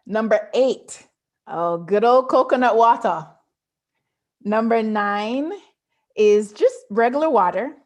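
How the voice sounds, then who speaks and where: Her voice sits a little high and carries a darkish tone, moving at a slow pace with frequent pauses. She's a pediatric dentist, Jamaican-born and Georgia-raised, presenting a prepared, interactive talk online as a guest speaker, speaking with emphasis straight to her audience over a computer video call.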